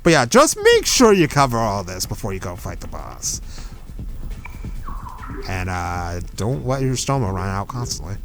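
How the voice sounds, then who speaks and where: A man's voice: fairly low pitch, wildly swooping pitch, a little slow, music in the background. A young man casually commenting on a game he is playing, chatty and giving strategy tips. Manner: chatty, gives strategy tips, self-correcting. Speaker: let's play host.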